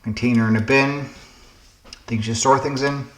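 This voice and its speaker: A man's voice: mid-range voice, steady tone, moderate pace, reverberant. A man hosting a puzzle game channel, casually thinking aloud through word puzzles, musing and hesitating as he guesses.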